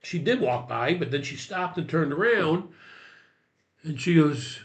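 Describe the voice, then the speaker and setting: A man's voice: a little high, unhurried. Man in his sixties telling a story. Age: 60s. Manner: animated retelling, acts out quoted dialogue. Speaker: podcast guest. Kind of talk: casual storytelling.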